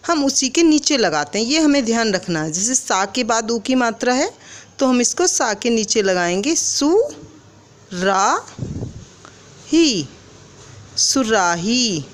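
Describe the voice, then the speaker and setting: A woman teaching young children to spell, sounding out words syllable by syllable and asking them questions. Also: on the high side. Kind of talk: children's Hindi lesson.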